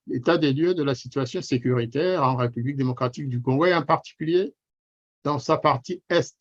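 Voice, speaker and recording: A man hosting a radio interview, speaking formally and welcoming his guest, with frequent fillers. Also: mid-range voice. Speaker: radio host. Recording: dull, lo-fi sound.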